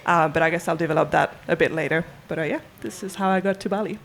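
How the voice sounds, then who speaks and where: Woman from France, panel guest, lowish voice, faint noise in the background. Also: fast, gravelly. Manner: friendly, hesitant with many fillers. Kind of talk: live panel discussion.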